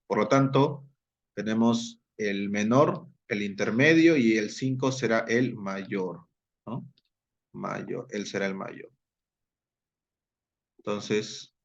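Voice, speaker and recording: A man's voice: on the low side, lo-fi sound. A man teaching a chemistry lesson, explaining step by step, repeating key terms and checking in with his students.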